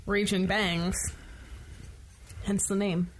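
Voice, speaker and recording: A woman's voice: mid-range voice, little pitch movement, slow. A woman chatting and joking casually as a podcast cast member. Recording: noisy background with clicks.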